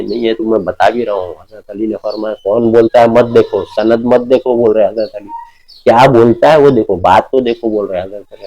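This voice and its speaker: Low, dark-voiced man preaching emphatically. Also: muffled recording. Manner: emphatic, keeps asking listeners if they understand; recites scripture verses slowly. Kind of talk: informal sermon.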